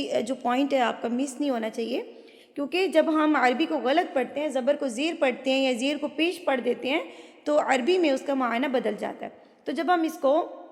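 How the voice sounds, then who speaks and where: A woman with a high voice teaches Quran recitation in a patient, step-by-step way, slipping English words into her explanations. Her voice carries a long reverb, as if she is recording in a hall. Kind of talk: tajweed lesson, explaining pronunciation.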